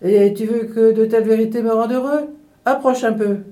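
A woman voicing a poor, grumpy peasant man who grumbles and shouts. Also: medium pitch, expressive, unhurried, reverberant, lightly acted. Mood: grumbling.

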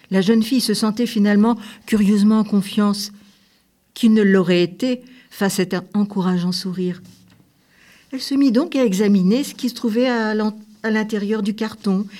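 A woman narrating a storybook. Her reading is gentle and measured, with a mid-range voice. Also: medium pitch.

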